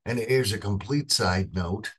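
A man hosts a church interview as pastor, in a slightly low, husky voice. He talks slowly and jovially, easily drifting into funny anecdotes. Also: a bit bright. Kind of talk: casual conversational interview.

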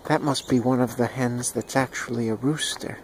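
Man, average pitch, hushed mock-serious nature-doc narration, outdoor handheld recording with birdsong and noise. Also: fairly even intonation, moderate pace. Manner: hushed, mock-solemn documentary delivery. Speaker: home video narrator. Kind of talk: mock wildlife documentary narration. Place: outdoors in a yard with chickens and dogs. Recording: outdoor noise with bird calls.

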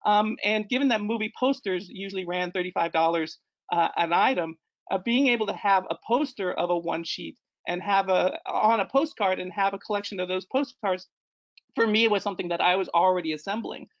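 A man's voice: sits high, brisk, muffled recording. A man in his forties, born in Ecuador, giving an online slideshow talk as a guest presenter, hesitant, with many fillers and self-corrections. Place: indoor room. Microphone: video call.

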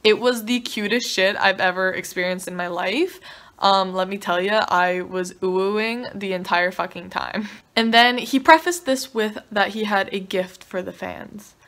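A young woman vlogger telling a story in a casual, excited way, swearing freely. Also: medium pitch, moderate pace. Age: young adult.

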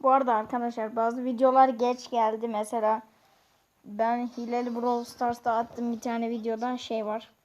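A woman giving chatty, excitable commentary on her own gameplay, talking straight to her viewers. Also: on the high side, moderate pace. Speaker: gaming YouTuber. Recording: dull lo-fi sound.

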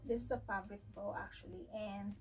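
A fashion vlogger in her thirties from the Philippines casually talks through a haul unboxing indoors at home, near wooden drawers, in a medium-pitched, fairly flat, slightly quick, mellow and a bit rough voice. The rough recording is distant, with faint music behind. Chatty and filler-heavy, she speaks Filipino-accented English laced with Tagalog.

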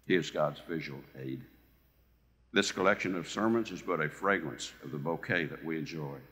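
Deep-voiced man reading a solemn tribute. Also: pushed and bright. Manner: slow, solemn, heartfelt reading. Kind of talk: reading a written tribute aloud. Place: church banquet hall. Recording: long reverb of a banquet hall.

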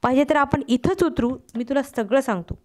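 A woman reading a story aloud, voicing a carefree, blunt male friend who speaks in a calm, level, unhurried way. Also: sits high, natural voice. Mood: calm, matter-of-fact.

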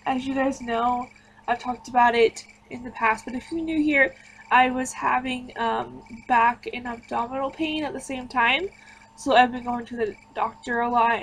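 A woman's voice: fairly high pitch, vocal fry, fairly bright tone, poor audio. A woman giving casual, rambling voice-over commentary on a home-building game. She sounds tired and chatty, drifting from one thought to the next. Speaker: gaming YouTuber.

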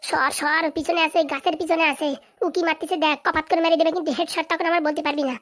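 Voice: very high voice, level tone, fast talker, fairly bright tone. A voice actor playing a stubborn boy hooked on mobile games, talking brashly and bossily. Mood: bossy. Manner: brash, bossy game talk. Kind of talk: comic cartoon voice acting.

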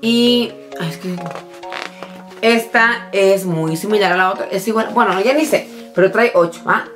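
A woman chats casually through a shopping haul, her voice mid-pitched. She sounds tired yet excitable and addresses her viewers directly. Faint music plays in the background. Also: normal speed. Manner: bubbly, excitable, talks straight to viewers. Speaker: vlogger showing a shopping haul. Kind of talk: casual chatty product show-and-tell.

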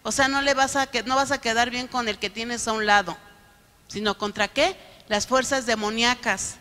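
Woman pastor preaching, fairly high and bright, long reverb of a church hall. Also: fairly even intonation, normal speed. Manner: keeps asking the congregation "¿no?". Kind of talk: sermon. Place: church sanctuary.

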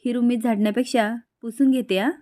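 A woman's voice: a little high, fairly even intonation, fast, warm tone, dry recording, studio quality, lightly acted. A woman reading a firm, composed young wife.

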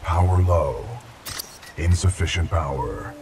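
An actor voicing a giant, calm and logical male combat robot that is low on power and rebooting after damage, giving flat, clipped status reports. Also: slow, far from the mic, background noise, exaggerated voice. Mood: flat, mechanical. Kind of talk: video game voice acting.

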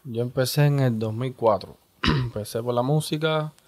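Laid-back Cuban music producer man. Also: medium pitch. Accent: Cuban Spanish. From Cuba. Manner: slow, laid-back, repeats "¿entiendes?". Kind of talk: casual interview.

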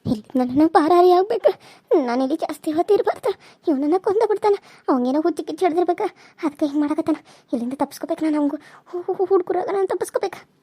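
A woman's voice: extremely high pitch, a little fast. A woman voicing a frightened young married village woman in a cartoon serial, pleading through tears. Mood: anxious muttering. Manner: tearful pleading.

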